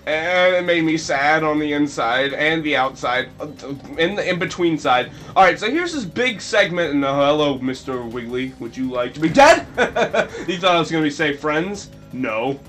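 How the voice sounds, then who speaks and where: A goofy young-sounding man rambles through his gameplay commentary in a high, light voice, jumping between jokes and sudden shrill yelps. Faint game music plays under him. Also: expressive, moderate pace, a bit bright. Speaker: let's play commentator.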